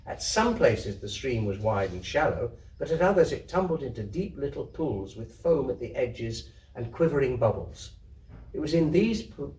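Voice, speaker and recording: This mid-range, dark-toned male voice belongs to a theatre troupe member narrating a literary story to an audience, with a dramatic, descriptive delivery. He performs at an indoor community venue, and the distant microphone picks up plenty of room echo.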